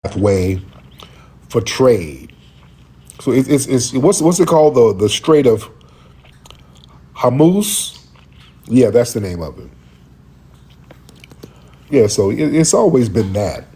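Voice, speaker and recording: A man's voice: medium pitch, sing-song, slow, pauses often, dark tone, slightly rough. A man hosting a casual livestream call-in, rambling and searching for words while he is under the weather. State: under the weather, lozenge in mouth.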